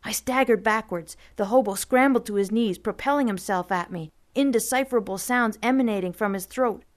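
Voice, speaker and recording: A woman narrating a first-person story as an audiobook, steady and vivid. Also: fairly high pitch, brisk.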